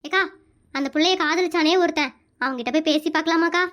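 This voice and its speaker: A performer voicing a chatty, caring village woman in an animated comedy who exclaims and keeps calling the other woman "akka". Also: very high voice, fast talker. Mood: indignant.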